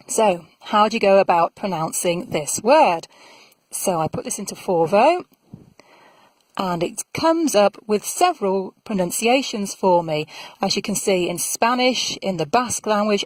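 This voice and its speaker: A middle-aged woman, a voiceover artist, chatting to camera from her small home studio in a friendly, clearly enunciated way. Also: medium pitch, no echo, low-quality recording. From England. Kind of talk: casual explainer to camera.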